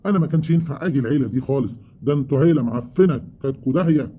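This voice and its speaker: A man's voice: mid-range voice, racing, warm tone, natural voice. A man with an Egyptian accent voicing an insolent young man who insults his elders. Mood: contemptuous. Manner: insulting, contemptuous.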